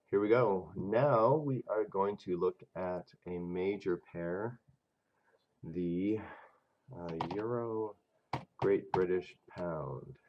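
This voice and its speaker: A man hosting a trading channel, talking casually over charts in a rough, stuffy voice from a cold, chatty and thinking aloud. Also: low-pitched, lo-fi sound. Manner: chatty and self-interrupting, talks to himself over charts. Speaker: forex trading channel host. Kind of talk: casual screen-share chart commentary.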